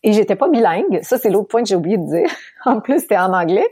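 A woman from Quebec with a Québécois accent, telling her story as an interview guest, animated and laughing often. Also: mid-range voice, fast, husky, no room sound, studio quality. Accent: Québécois French. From Quebec, Canada.

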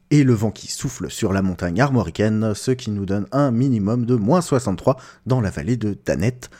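A man acts as an upbeat male morning presenter on a comic Christmas elf radio show. His delivery is very animated and tongue-in-cheek, with a mellow, slightly husky tone. He reads the scripted bulletin like a cheerful announcer. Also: fairly low pitch.

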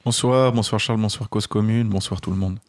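A man co-hosting a radio show, answering jokes deadpan in casual banter. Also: on the low side, fairly quick. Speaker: radio co-host. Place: radio studio.

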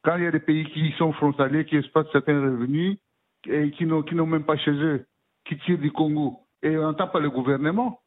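A man leaving an answering machine message for a radio show, talking haltingly and repeating words as he searches for them. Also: a little high, steady tone. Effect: voicemail message played on air. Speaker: radio listener caller. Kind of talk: spoken opinion message. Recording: tinny phone-line voicemail.

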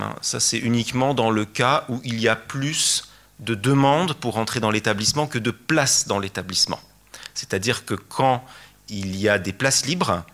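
A man's voice: fairly low pitch, fairly bright tone. A man giving a lecture talk, hesitant, with many fillers and restarts. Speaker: conference speaker.

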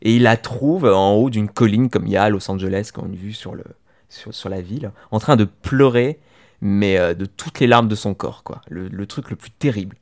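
A man with a lowish, somewhat dark voice talks at a moderate pace as a podcast co-host, chatting casually about a TV series. He tells a long story, restarting and hesitating many times.

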